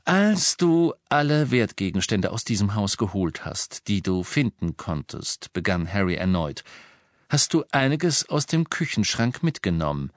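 A man's voice: fairly low pitch, big pitch swings, unhurried, no echo, clean studio sound. A man voicing a stern teenage wizard hero who speaks firmly and commandingly. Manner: firm, commanding. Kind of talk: audiobook character voice.

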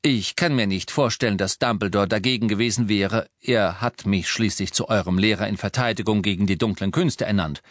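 A man's voice: fairly low pitch, fairly quick, few pauses, dry recording, studio quality, natural voice. A man reading the part of a weary, guarded middle-aged werewolf teacher in an audiobook, his speech tense and clipped.

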